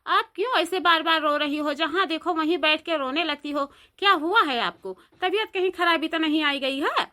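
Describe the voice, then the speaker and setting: A woman's voice: extremely high pitch, normal speed, bright, forceful tone. Woman doing a meddling young village woman. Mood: coaxing. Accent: Awadhi. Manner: questioning, coaxing.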